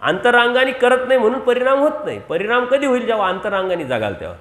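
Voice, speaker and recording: Marathi preacher guy, high voice, keeps asking the crowd questions and repeating himself, roomy echo. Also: sing-song, quick pace, a bit bright. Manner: rhetorical questions to the audience, emphatic repetition. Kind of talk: devotional sermon. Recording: echoey room.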